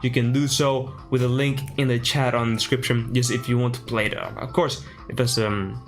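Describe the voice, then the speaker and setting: Male streamer, loose live chat, narrates his own fiddling with settings, mid-pitched, faint music underneath. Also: little pitch movement, moderate pace. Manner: chatty, thinks aloud while fixing settings. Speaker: streamer reacting to a livestream.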